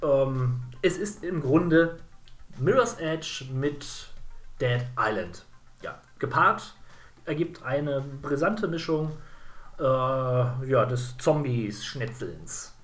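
A man talking casually on a games podcast, at an ordinary middle pitch. He rambles along, stumbles over words and corrects himself mid-sentence, as if chatting with friends. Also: animated, takes it slowly. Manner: rambling, many fillers and self-corrections. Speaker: podcast co-host. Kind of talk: casual game podcast chat.

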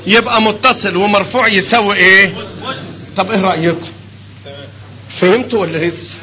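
An older man with an Egyptian Arabic accent teaching a hadith class, animated and constantly quizzing his students with questions. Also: high voice, moderate pace, low-quality recording. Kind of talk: classroom lecture.

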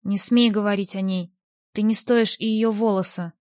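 A woman's voice: medium pitch, fairly even intonation, moderate pace, darkish tone, dry recording, clean studio sound, natural voice. A woman voicing a jealous, vengeful young man in an audiobook, speaking in a cold, mocking way. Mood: menacing.

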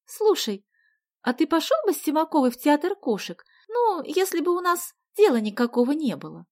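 A quick-tempered schoolgirl, as a woman reading puts her on in an audiobook, scolding in a shrill, high, loud voice. Her pitch jumps about constantly as she exclaims. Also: sing-song. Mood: pressing.

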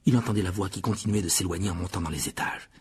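A man reading a novel aloud as audiobook narrator, lively storytelling. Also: low-pitched, very fast, slightly rough. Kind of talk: scripted narration.

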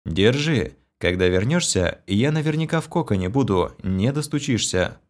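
A man's voice: on the low side, lively intonation, moderate pace, lightly acted. A man voicing a wry, sarcastic young hero in a storybook reading.

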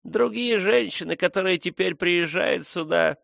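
A man voicing a toothless old native woman who once nursed the heroine. She speaks slowly and tenderly, mumbling through bare gums, in a thin, raised voice. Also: creaky, fairly bright tone, no room sound, studio quality, full character voice. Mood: tender, reminiscing. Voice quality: mumbling, lisping toothless speech. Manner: slow, high, tender. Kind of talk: audiobook character voice.

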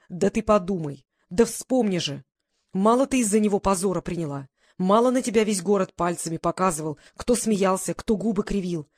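A woman's voice: mid-range voice, darkish tone, slightly rough, no echo, lightly acted. A woman voicing an anxious, stern older mother who scolds her grown daughter in an audiobook. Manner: pleading, then stern and scolding.

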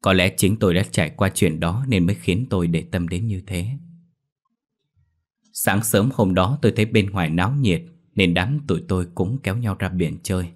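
A man narrating a ghost story in a brisk, lively reading. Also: sits low.

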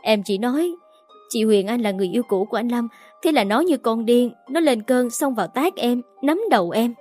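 A woman's voice: fairly high pitch, expressive, brisk, darkish tone. Woman doing a sneering bratty young woman. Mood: whining. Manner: sneering, mocking. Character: spiteful bratty young woman, taunting and shrill. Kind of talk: audiobook character voice. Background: faint background music.

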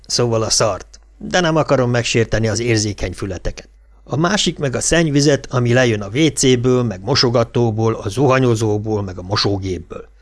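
A man doing a gruff folksy old policeman. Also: medium pitch, natural voice. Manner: folksy dialect, dry and blunt. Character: gruff older male small-town policeman. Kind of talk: audiobook character voice.

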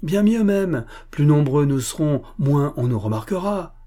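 Brief: man reading a high-spirited young swordsman in a storybook, pitched well up. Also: a little slow. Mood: jesting. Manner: lively, bantering. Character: bold, jesting young male swordsman.

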